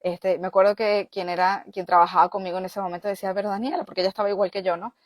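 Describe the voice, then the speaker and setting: A woman, a spiritual healer telling a personal story in an animated way, often checking in with her listeners. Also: lowish voice, rapid-fire, no room sound, studio quality.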